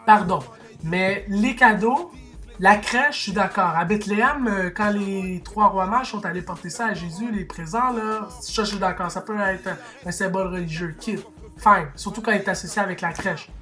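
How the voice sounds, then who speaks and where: A man's voice: high-pitched, normal speed, sharp tone, faint music behind. Impassioned Québécois man ranting. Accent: Québécois French. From Quebec. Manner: impassioned, argumentative, full of restarts and asides. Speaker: vlogger. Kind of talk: opinion rant to camera.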